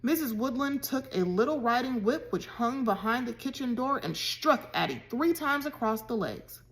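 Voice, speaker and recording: A woman reading a children's novel chapter aloud in an expressive storytelling way. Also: a little high, normal speed. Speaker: reader.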